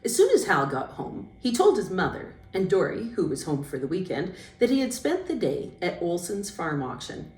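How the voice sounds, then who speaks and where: A woman reading a novel aloud with expressive storytelling. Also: fairly low pitch, moderate pace, few pauses, far from the mic. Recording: roomy echo.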